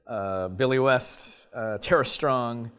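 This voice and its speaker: A man from Canada, a voice actor, chatting as a guest in a casual interview, animated and full of fillers. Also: mid-range voice, takes it slowly, smooth. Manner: animated storyteller, lots of uh fillers and restarts.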